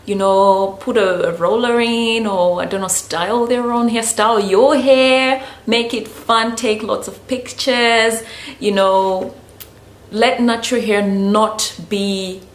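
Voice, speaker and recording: Slow-paced with fairly even intonation and medium pitch, this Zambian natural hair vlogger gives loose, conversational hair-care advice to camera, frequently saying "you know." She's recorded in an echoey room with faint background ambience.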